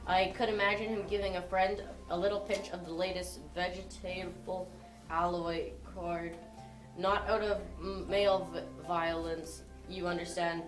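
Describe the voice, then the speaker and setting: A woman's voice: fairly low pitch, lightly acted, low-quality recording. A woman playing a chatty, helpful young man who explains at length, in an amateur drama reading with music behind. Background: background music.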